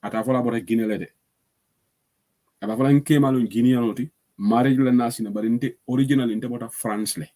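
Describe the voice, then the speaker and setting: A man's voice: mid-range voice, fast. A man from Gambia hosting an online current affairs show, talking casually and laughing often. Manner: animated, laughs often, switches between English and Mandinka. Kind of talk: casual talk show monologue.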